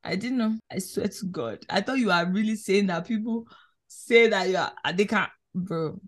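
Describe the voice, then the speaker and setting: A young Nigerian woman co-hosts a podcast, chatting casually and animatedly, her pitch and loudness swinging quickly.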